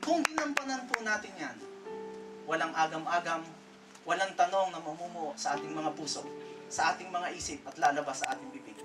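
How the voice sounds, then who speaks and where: A man preaching a sermon from a stage, telling a story dramatically, rising to loud exclamations and dropping to hushed lines. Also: fairly high pitch, animated, fairly quick, far from the mic, loud music behind the voice, poor audio. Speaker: pastor. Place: stage before an audience.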